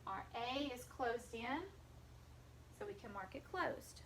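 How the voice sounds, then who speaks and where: A woman's voice: a little high, slow, noisy background. A woman teaching a phonics lesson to young children, patiently stretching out the sounds of words.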